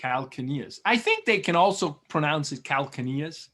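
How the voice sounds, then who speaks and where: A man from Switzerland, a biology teacher, runs a class review over a video call. His voice sits a little high for a man. He talks in a chatty, encouraging way and says terms slowly and more than once. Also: expressive, fairly bright tone.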